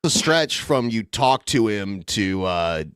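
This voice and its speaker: A man's voice: fairly low pitch, expressive, slow pace, very noisy. A man giving casual reaction commentary with blunt, crude jokes.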